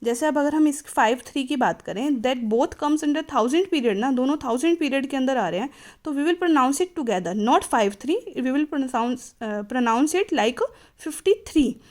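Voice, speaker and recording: A woman teacher with an Indian accent explaining a maths lesson, slow and careful in English and switching to quick Hindi asides. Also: high-pitched, a little mellow.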